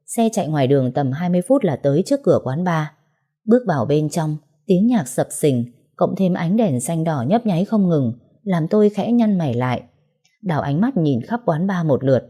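A woman narrates an audiobook in the first person, in speech. Her voice is low-set and mellow, and her delivery stays steady and even.

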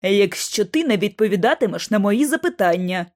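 Lady reader doing a cool young leader guy, slow and steady, bit lower but still lively. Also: natural voice. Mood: threatening. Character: cool, commanding young male agency leader. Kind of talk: audiobook character voice.

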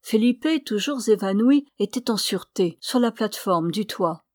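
Woman, audiobook narration, steady even delivery, mid pitch, dry sound. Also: moderate pace, dry recording. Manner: steady, even storytelling read. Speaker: audiobook reader. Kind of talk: scripted narration.

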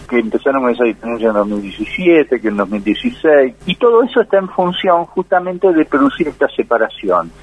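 A man's voice: fairly high pitch, husky, poor audio. A sociologist with an Argentine Spanish accent explaining politics in an interview, acting out examples as he goes. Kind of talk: interview answers.

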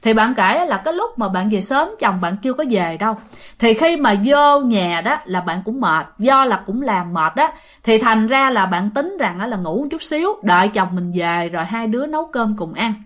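A woman tells a ghost story, talking to her listeners as friends. Her voice sits somewhat high. The delivery is relaxed and conversational. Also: normal speed. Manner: chatty, addressing listeners directly.

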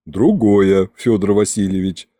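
A man voicing a cautious male scout who reports in a measured way. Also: on the low side, mellow, no echo, voice pushed down, lightly acted.

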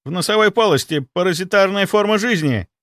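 A man narrating an audiobook, voicing an excitable pimply young male inquisitor in a raised, excited voice. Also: high voice, brisk, no room sound, studio quality, voice pushed up. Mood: alarmed. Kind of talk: audiobook character voice.

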